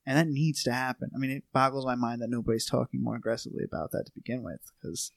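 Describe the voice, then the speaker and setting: A man's voice: medium pitch, fairly even intonation, quick pace, gravelly, dry recording. Young man rambling in a casual chat. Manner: rambling, restarts with "I mean".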